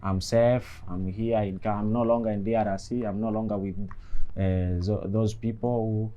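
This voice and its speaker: A young man from eastern Congo speaking in a documentary interview, halting and searching for words. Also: lowish voice, steady tone, dark tone, lo-fi sound. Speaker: refugee interviewee.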